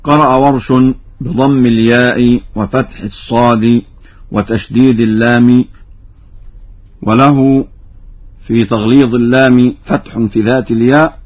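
Guy explaining quran readings on the radio, chants the examples real slow, mid-pitched, muffled lo-fi sound. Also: steady tone. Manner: explains plainly, then chants verse examples slowly. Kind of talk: radio lesson on recitation variants. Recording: dull lo-fi radio recording.

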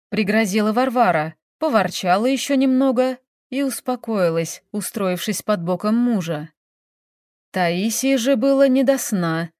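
Expressive woman reading a story. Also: medium pitch, no room sound, studio quality. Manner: expressive reading, voices characters lightly. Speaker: narrator. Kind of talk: scripted narration of a village story.

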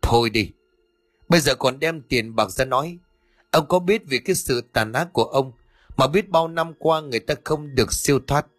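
A man's voice: mid-range voice, normal speed, a bit bright, no room sound, lightly acted. A male narrator voicing a stern middle-aged exorcist who scolds his son.

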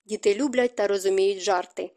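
A woman voicing a lively, kind-hearted young lady in an audiobook, speaking earnestly and a little teasingly. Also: mid-range voice, fairly quick, close to an everyday voice.

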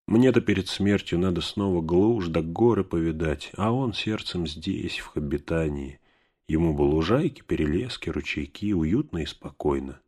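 A man acts out an old male hobbit in an audiobook, fussy and stubborn, with a cracking, near-squealing voice. He clings to what is his with raised, loud, insistent speech. The tone sits above the reader's own deep voice. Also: expressive, normal speed. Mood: fond, wistful. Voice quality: shrill, cracking voice when angry. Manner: outbursts turning possessive and obsessive.

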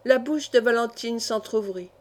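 A woman reading an audiobook of a historical novel in an even, measured way. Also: a little high. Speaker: audiobook reader.

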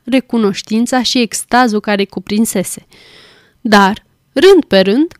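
A woman reading a classic tale aloud as an audiobook, measured and clear. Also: fairly high pitch, dry recording, clean studio sound. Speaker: volunteer audiobook reader. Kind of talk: scripted audiobook narration.

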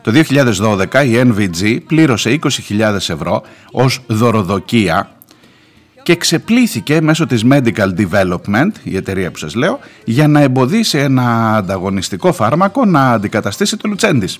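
A middle-aged man hosting a radio show, giving sarcastic, mocking news commentary and reading documents aloud in halting English. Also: mid-range voice, very animated. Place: radio studio.

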